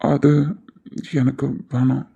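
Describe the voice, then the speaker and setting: A woman voicing a shy, hesitant young husband in a low, gravelly voice. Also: level tone, slow, dark tone, dull audio, exaggerated voice. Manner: hesitant, trailing off.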